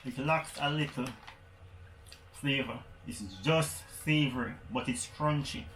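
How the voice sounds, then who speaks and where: A man with a Jamaican accent chatting casually as a food vlogger, unhurried and pausing between short phrases. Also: mid-range voice, fairly even intonation. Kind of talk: casual food review chat. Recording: echoey room with crinkling handling noise.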